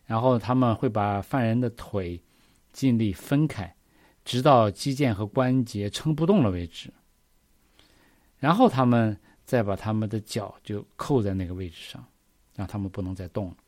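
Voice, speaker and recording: A man's voice: on the low side, moderate pace, a little mellow, no echo, clean studio sound. A man preaching a sermon, reading scripture verses and explaining them earnestly, often asking the listeners questions.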